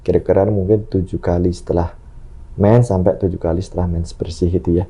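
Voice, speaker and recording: Seorang dokter laki-laki yang menjelaskan pemeriksaan kesehatan dengan tenang dan sesekali ragu. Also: male voice, deep voice, fairly quick, breathy edge. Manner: calm, explanatory, with hesitations. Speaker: doctor. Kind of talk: medical explanation.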